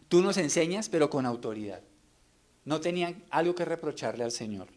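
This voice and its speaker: A middle-aged man preaching an earnest sermon, pressing the congregation with rhetorical questions. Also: medium pitch.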